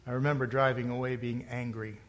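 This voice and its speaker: A man's voice: mid-range voice, flat delivery, a little fast, a little hiss or hum. Middle-aged man, pastor, sermon, conversational storytelling, long reverb from the hall. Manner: conversational storytelling, rising to emphatic points.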